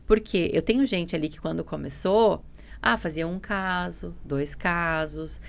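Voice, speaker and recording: Here the podcast guest, a woman in a dental mentoring business partnership, speaks in a lowish, creaky voice without hurrying. Her casual storytelling is blunt and emphatic, full of acted-out dialogue and repetition.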